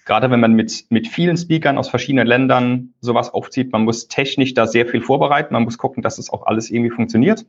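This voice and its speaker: Guy on a crappy lo-fi phone call, kinda husky, just chatting through it with lots of ums. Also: quick pace, few pauses. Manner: explains at length with fillers, loose and conversational. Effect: low-quality phone call recording. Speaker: conference lead organizer, interview guest. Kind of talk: casual phone interview. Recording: dull lo-fi phone call audio.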